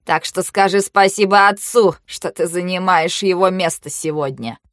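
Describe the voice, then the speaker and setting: A woman voicing a mocking, panicky young nobleman who swings from sneers to shrill outbursts, in a storybook reading. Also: moderate pace, no echo, clean studio sound, lightly acted. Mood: taunting.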